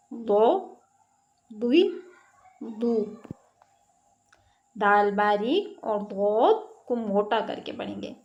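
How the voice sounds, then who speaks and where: A woman teaching Quran letter sounds, drilling syllables slowly one by one and then explaining how each is pronounced. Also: a little high. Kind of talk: slow recitation lesson. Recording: dull lo-fi online lesson audio.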